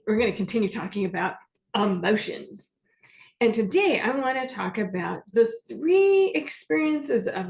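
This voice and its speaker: Gravelly-voiced woman therapist, chatty. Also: medium pitch. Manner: chatty storytelling, acts out quoted clients. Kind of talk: casual educational talk.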